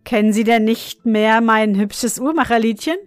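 A woman voicing an odd old godfather and clockmaker, who chants a rasping, monotone clock song and speaks gruffly. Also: a little high, moderate pace, no echo, faint music behind, natural voice. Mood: coaxing. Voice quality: rasping, monotone when singing.

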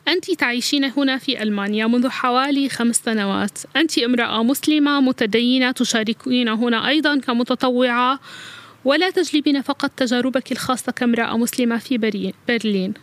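A woman's voice: a little high, very fast, no room sound. A woman reading a scripted translation as a voice-over narrator.

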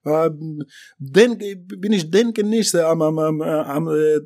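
A man from Afghanistan, not a native German speaker, talking in an interview in halting, broken German with many fillers and restarts. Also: a little high, darkish tone. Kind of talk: interview about his deportation.

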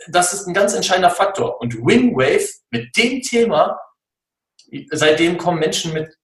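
Man, forties, slightly high voice, earnest, halting speech, echoey room. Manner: earnest, halting, many fillers. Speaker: guest, personality and sports mentor. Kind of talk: casual interview storytelling.

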